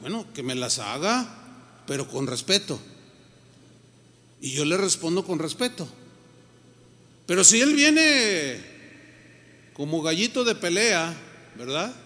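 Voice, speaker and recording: A man preaches in a fairly high voice, his lively delivery slipping into little acted-out reactions. His sermon rings with a long tail of reverb from a large hall. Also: slow pace, pauses often. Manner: animated, acts out quoted reactions. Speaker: pastor.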